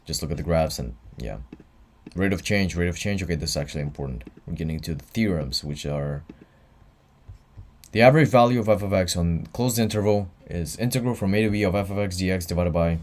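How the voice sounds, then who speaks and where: A tired young man tutors students in a livestreamed exam review, speaking offhand and answering chat between explanations. His voice sits low, a little mellow, and his pace is brisk.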